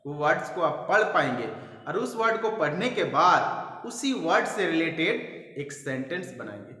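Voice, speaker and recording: Bright-voiced male teacher in an echoey room. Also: fairly high pitch, big pitch swings, moderate pace. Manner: asks questions and answers them himself, spells words letter by letter. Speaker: English teacher. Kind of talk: classroom lesson explaining step by step. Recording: echoey room with long reverb.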